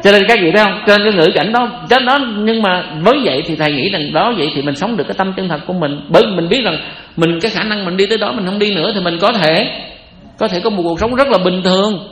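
This Southern Vietnamese-accented man speaks high and quick, his tone fairly bright, as he gives a Buddhist sermon in a reverberant hall. Joking and conversational, he poses rhetorical questions to the audience.

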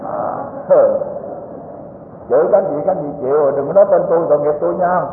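High-voiced man preaching. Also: a little fast. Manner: folksy, joking, with frequent tag questions. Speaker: Buddhist teacher giving a dharma talk. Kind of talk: sermon. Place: lecture hall. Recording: tinny, echoey hall recording, faint hiss.

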